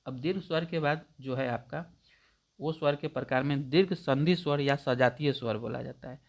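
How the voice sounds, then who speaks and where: A man's voice: mid-range voice, moderate pace, gravelly. A man teaching grammar for exam preparation, explaining each point step by step and repeating definitions to check understanding. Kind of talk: exam-prep grammar lesson.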